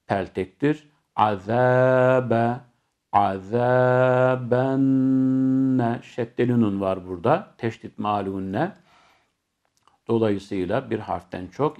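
A man teaching Quran recitation, explaining each letter step by step and then chanting the verses slowly. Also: on the low side, a little mellow.

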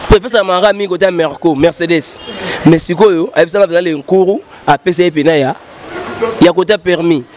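Here a thirty-something musician speaks in a high, slightly mellow voice against light background noise. The interviewer holds a handheld mic to him outdoors, in front of a painted studio backdrop. His storytelling is animated and rambling, mixing French and Lingala at speed as he gestures widely.

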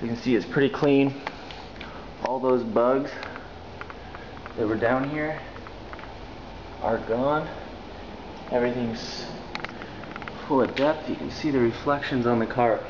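On a noisy, lo-fi handheld recording, a young vlogger speaks slowly in a mid-range voice with long pauses. He is upbeat and joking, addressing the camera while he shares car-care and detailing tips on a casual road trip.

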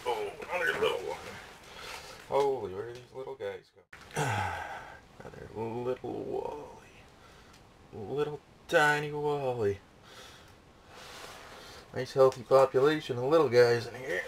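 Gravelly man narrating from an ice tent. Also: mid-range voice, a little slow, long pauses. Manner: excited, talks to himself and the fish. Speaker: fishing video host. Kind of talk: casual running commentary while fishing. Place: inside an ice fishing tent on a frozen lake. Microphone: camera mounted across the tent. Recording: gravelly voice picked up from a distance, noisy.

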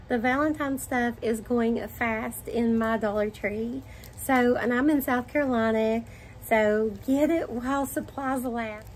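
A middle-aged woman with a Southern US accent, gushing excitedly as she shows off shopping finds to the camera at home. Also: high-pitched, a little hiss or hum. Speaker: vlogger. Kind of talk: haul video chat. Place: home dining room, indoors.

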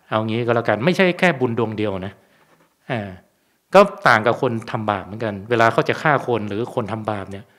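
A man's voice: on the low side, fairly bright tone. A man, a Buddhist monk, giving a casual Dharma talk at a temple. He speaks conversationally and often stops to ask his listeners rhetorical questions.

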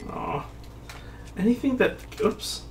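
Slow-talking, self-mocking male game streamer. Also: slight background noise. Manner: self-mocking, swears, sudden excited exclamations. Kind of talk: casual let's-play commentary.

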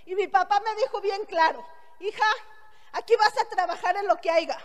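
A middle-aged woman with a Mexican Spanish accent tells her story with blunt, earthy humor. Her voice sits very high. The speech rings with a long hall reverb. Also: normal speed. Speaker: motivational speaker. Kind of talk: testimonial speech to an audience.

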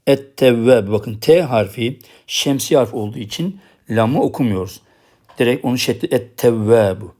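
Male teacher with a Turkish accent. Recorded lesson, slow drilled pronunciation, quick explanations. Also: mid-range voice, mellow. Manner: pronounces each example word slowly twice, then explains quickly. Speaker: Arabic writing teacher.

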